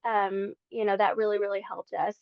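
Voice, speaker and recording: Speaking at a normal speed with a medium, level, creaky voice, this earnest Filipino woman in her forties gives a casual faith testimony. She's a podcast guest at her Las Vegas home, chatty and heavy on fillers. There's no echo, and the audio sounds dull.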